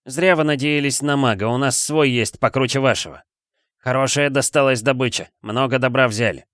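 A man's voice: mid-range voice, normal speed, a bit bright, no room sound, clean studio sound, lightly acted. A man voicing an arrogant, cruel teenage boy bandit who speaks haughtily and threatens. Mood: menacing, haughty.

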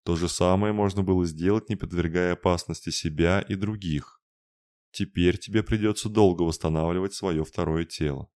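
A man's voice: low-pitched, fairly even intonation, normal speed, a little mellow, close to an everyday voice. A man voicing a stern, motherly female spirit who scolds everyone. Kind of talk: audiobook narration.

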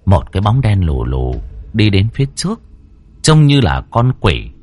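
A man narrating a ghost story in a lively, dramatic storytelling manner. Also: fairly low pitch, moderate pace.

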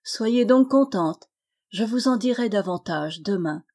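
A woman reading a fairy tale voices a kind, protective good fairy who speaks in a reassuring, lively way. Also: mid-range voice, unhurried. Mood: gentle.

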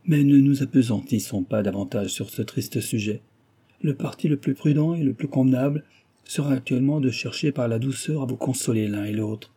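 A man voicing a dignified, gentle young orphan heiress in an audiobook, measured and composed, in his own husky voice. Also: mid-range voice, lightly acted. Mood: earnest. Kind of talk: audiobook character reading.

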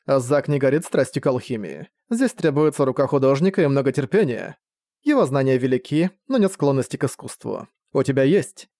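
A man doing a calm soft-spoken young alchemist. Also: medium pitch, brisk, no echo, studio quality, lightly acted. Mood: composed.

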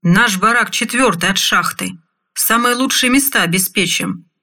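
A woman voicing a rough male convict brigade leader who talks in an eager, colloquial way in an audiobook. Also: medium pitch, moderate pace, bright, forceful tone.

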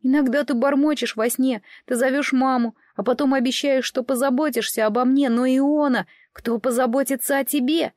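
A woman's voice: high voice, steady tone, normal speed, few pauses, a little mellow, dry recording, clean studio sound, pitched above the performer's own voice, natural voice. A woman reading an audiobook, voicing a frightened, tearful young boy with a trembling voice. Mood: earnest.

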